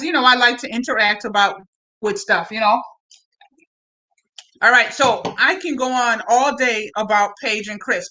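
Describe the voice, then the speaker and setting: A woman with a high voice chats through a live stream in a loose, slangy way. She talks straight to her viewers and often repeats herself as she recaps. Her tone is bright and sharp. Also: poor audio. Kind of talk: casual reality-TV recap chat.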